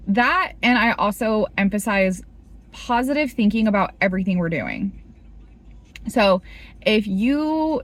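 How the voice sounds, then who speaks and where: Chatty woman vlogger, rambling. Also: fairly low pitch. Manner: rambling, heavy use of "like". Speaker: fitness vlogger. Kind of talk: casual vlog chat.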